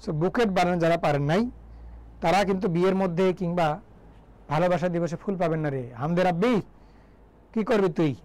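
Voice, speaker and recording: A man's voice: sits high, moderate pace, pauses often, darkish tone, no room sound, poor audio. A young man from Bangladesh teaching English grammar in a live online class, chatty and joking as he quizzes students. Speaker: English tutor.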